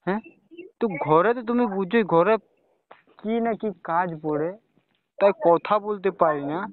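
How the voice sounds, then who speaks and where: On a dull, lo-fi recording of a private phone call, a young man speaks casually to his romantic partner at a moderate pace, frequently adding short questioning tags. His voice is high-pitched, with slight background noise.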